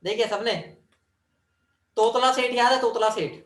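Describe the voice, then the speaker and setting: Echoey, high-voiced chemistry teacher. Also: male voice, steady tone, normal speed, fairly bright tone. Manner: drills formulas, quizzes students, jokes. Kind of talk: classroom lecture. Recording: echoey room, mic at a distance.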